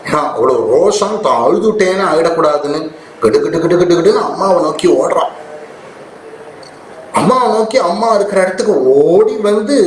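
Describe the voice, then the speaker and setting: A man giving a devotional discourse who tells a story with dramatic feeling and slowly chants verses. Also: sits high. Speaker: religious discourse speaker. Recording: roomy, faint ambient noise.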